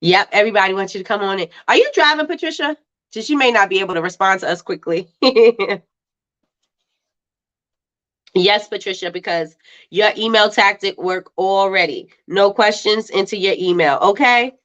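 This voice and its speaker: On slightly dull, lo-fi livestream audio, a woman hosts a casual chat, reading viewer comments, laughing often, and repeating herself. Her voice is stuffy and congested, mid-range, fairly bright, and a little fast.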